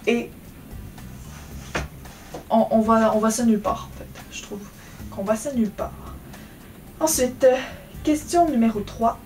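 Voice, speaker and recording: A woman's voice: on the high side, measured pace, long pauses, a little mellow, recorded from a distance. A young woman with an English accent, chatting casually and self-mockingly about books on her channel. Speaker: book vlogger. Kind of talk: casual book tag chat. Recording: from the mic, faint music behind. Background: faint background music.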